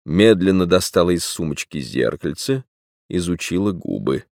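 A man narrating a literary audiobook in a measured, deadpan way. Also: sits low, vocal fry, no room sound, clean studio sound.

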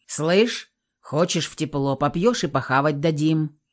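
A woman's voice: deep voice, animated, measured pace. A woman doing a crude, mocking male thug. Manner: coarse, mocking and swearing. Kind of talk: audiobook reading.

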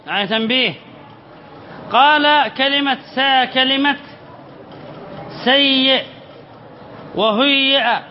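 Sheikh, male, very high voice, classroom lesson, quizzes then answers himself, dull recording with faint hiss. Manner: explains by asking questions and answering them himself, repeats phrases slowly. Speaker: sheikh teaching Arabic spelling. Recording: slightly dull recording with faint background noise.

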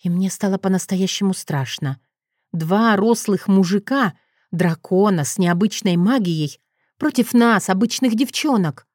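A woman narrating a first-person fantasy audiobook in an even, measured reading. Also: mid-range voice, no echo, studio quality.

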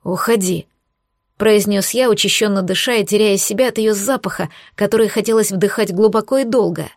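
A woman narrating a first-person fantasy audiobook with an expressive, dramatic reading. Her voice has a middle pitch. The close recording is dry, with no room echo. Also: fairly quick. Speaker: audiobook reader.

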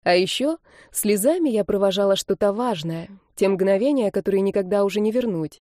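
A woman reading a first-person romance audiobook, narrating in a gentle, emotional way. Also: medium pitch, animated, fairly quick, no room sound, clean studio sound.

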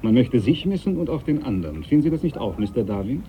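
A man with a mid-range voice plays a proud, devout, domineering sea captain in a German radio play, very animated and quick, his voice natural. Probing and assured, he speaks formally and commandingly, needling those he addresses and cutting them off. The 1980s radio recording sounds dull and noisy.

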